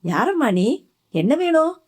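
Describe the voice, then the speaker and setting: A woman voicing a gentle, puzzled old grandmother in an audiobook, with a high quavering voice. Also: sing-song, slow pace, full character voice.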